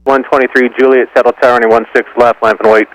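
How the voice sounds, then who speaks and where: A man's voice: mid-range voice, flat delivery, very fast. A man working as a tower controller, giving clipped procedural instructions over aircraft radio. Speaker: air traffic tower controller. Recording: faintly noisy aircraft radio.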